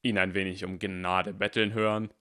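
A man voicing a stern, cunning male teacher who speaks calmly, deliberately and firmly. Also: low-pitched. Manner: calm, deliberate and firm.

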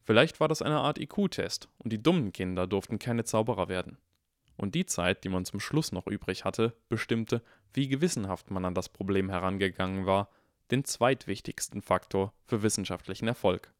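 An audiobook reader with a lowish voice narrates in an even, measured storytelling style. The studio-quality recording has no echo.

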